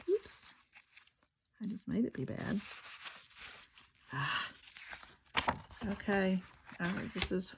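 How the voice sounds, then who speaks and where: A woman's voice: medium pitch, vocal fry, darkish tone, slight background noise, low-quality recording. A woman, talking casually through a craft tutorial, chatty and self-deprecating, with muttered asides while she works. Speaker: craft video maker.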